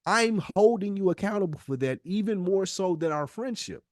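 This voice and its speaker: This podcast co-host, an American man, has a high-sitting, expressive voice and keeps a moderate pace, captured in clean studio sound with no room echo. Opening up in a candid heart-to-heart, he talks earnestly and emphatically and says things more than once to make his point.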